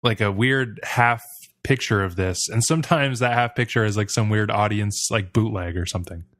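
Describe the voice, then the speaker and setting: A man's voice: lowish voice, moderate pace, fairly bright tone, dry recording, studio quality. A man co-hosting a music review podcast, talking bluntly and leading the casual discussion. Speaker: podcast co-host.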